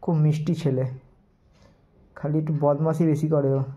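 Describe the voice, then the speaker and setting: A man's voice: fairly high pitch, level tone, moderate pace, heavy background noise. A man vlogging as he plays with his pet dog, coaxing and teasing it in affectionate baby talk. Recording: dull lo-fi phone audio.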